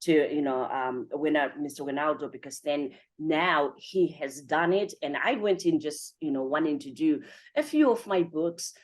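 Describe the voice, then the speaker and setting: A podcast host conducts an interview conversation in an effusive, talkative style full of "you know" fillers. She speaks at a moderate pace in a low-pitched voice.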